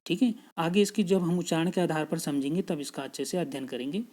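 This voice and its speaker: A man teaching a grammar lesson in a patient, steady way, going over each point more than once. His voice is dark and mellow. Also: on the high side, fast talker. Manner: patient, repeats points, frequent "theek hai" check-ins.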